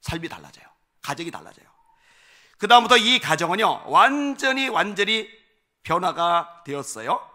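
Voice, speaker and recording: A male pastor preaching a revival sermon, telling a story and rising to fervent, shouted appeals. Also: high voice. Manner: storytelling with acted quotes, swelling to fervent shouts. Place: church.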